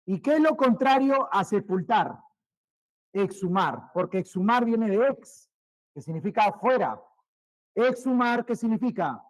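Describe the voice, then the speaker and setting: A male teacher, giving a vocabulary lesson, repeating each word more and more quietly and quizzing his students. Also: high-pitched, lively intonation, measured pace, dry recording, poor audio. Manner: repeats words, trailing off quieter, asks questions.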